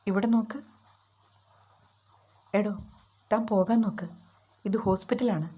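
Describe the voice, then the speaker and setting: A woman's voice: medium pitch, a little slow, warm tone, slightly rough. Woman voicing a curt, cold young man.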